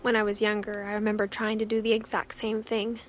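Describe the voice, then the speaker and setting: A woman's voice: mid-range voice, monotone, a little fast, slight background noise, natural voice. Actress playing a reflective young woman narrator. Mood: wistful, reflective. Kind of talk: scripted game narration.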